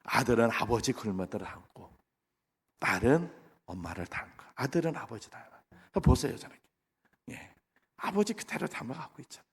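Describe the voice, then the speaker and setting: A middle-aged male pastor preaching a sermon, animated, swinging between loud exhortation and soft asides. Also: mid-range voice, moderate pace, pauses often, husky. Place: large church sanctuary. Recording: long reverb of a large hall.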